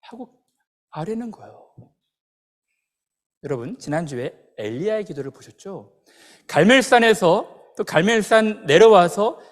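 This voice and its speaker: A man preaching a sermon as a pastor, telling stories in an animated way and acting out the people in them. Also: sits high. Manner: animated storytelling, acting out quoted voices. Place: church sanctuary. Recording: long hall reverb.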